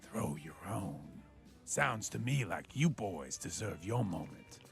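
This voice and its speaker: A man voicing a weird, whispering stranger in an animated sitcom. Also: takes it slowly, gravelly, soft background music, exaggerated voice. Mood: creepy. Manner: low conspiratorial whisper.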